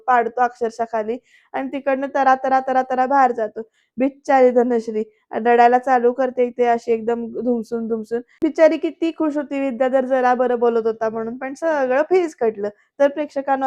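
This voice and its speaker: A woman narrates a serial recap in a chatty, play-by-play way, talking straight to her viewers. Her voice is high but stays fairly flat in melody. The recording is a bit dull and lo-fi. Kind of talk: voice-over episode recap.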